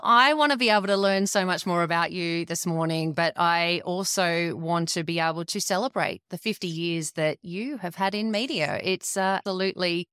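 A woman's voice: lowish voice, normal speed, hardly any pauses, a bit bright, clear, resonant tone, no room sound, studio quality. A woman hosting an interview, asking encouraging questions. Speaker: podcast host.

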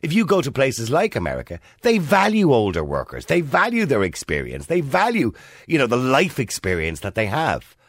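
A man's voice: medium pitch, huge pitch swings, normal speed, a bit bright, no echo, studio quality. A man in his fifties with an Irish accent, hosting a talk radio show and putting questions to listeners in a chatty, opinionated way. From Ireland. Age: 50s.

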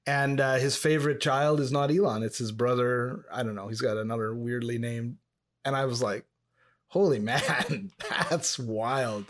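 A Montreal man co-hosts a casual podcast, rambling from one story into the next with an easy, conversational manner. His voice sits at an ordinary middle pitch, fairly even in intonation and at normal speed.

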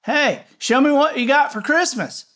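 A man's voice: high voice, moderate pace, slightly rough, voice pushed up, exaggerated voice. A man voicing his younger self as an eager, puzzled boy who stammers when flustered. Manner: excited, stammering.

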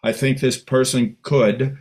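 A man speaking as a panelist in a professional discussion, in an emphatic, deliberate way. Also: mid-range voice, level tone, a little mellow.

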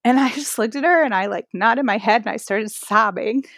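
A woman's voice: fairly high pitch, moderate pace, dry recording, clean studio sound. A woman, a pastor, talking animatedly with lots of "like" fillers in a podcast interview. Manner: animated storytelling, frequent "like" fillers. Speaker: pastor and guest.

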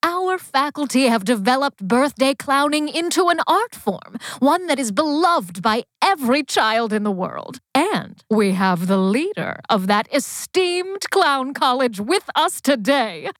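A woman's voice: high-pitched, lively intonation, unhurried, hardly any pauses, fairly bright tone, no echo, studio quality. A woman playing a self-important, boastful professor and proud old-hand clown who hosts a comedy podcast, grandiose and theatrical. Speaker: podcast host. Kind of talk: comedy podcast character acting.

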